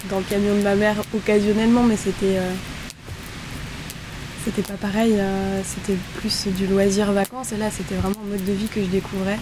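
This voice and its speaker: A woman's voice: mid-range voice, normal speed. Hesitant woman talking in a rainy tipi. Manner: hesitant, many fillers and restarts. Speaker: interview guest. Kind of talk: casual interview chat. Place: inside a tipi by a fire in the rain. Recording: steady rain noise in background.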